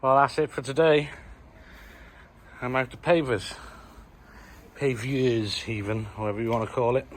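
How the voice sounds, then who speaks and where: A man's voice: mid-range voice, brisk, long pauses. A man chatting casually to the camera as he lays a patio outdoors. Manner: chatty, jokey, talks to camera while working. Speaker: patio installer filming his work. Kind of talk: casual work vlog.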